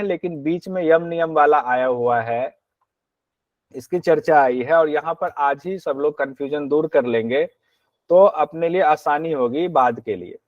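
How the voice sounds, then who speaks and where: Male yoga teacher, a bit high-pitched, lecturing on old texts; dull, dry, muffled recording. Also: dry recording. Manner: slow measured Sanskrit recitation, then explains in plain talk; asks and answers his own questions. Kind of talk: exam-prep lecture on a yoga text.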